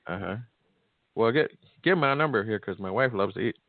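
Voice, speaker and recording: A man's voice: lowish voice, lively intonation, fairly quick, no room sound. A man hosting a casual interview in a joking, teasing way, on phone-like audio. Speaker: host, pastor and church musician. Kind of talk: casual chat. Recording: dull, narrow phone-like sound.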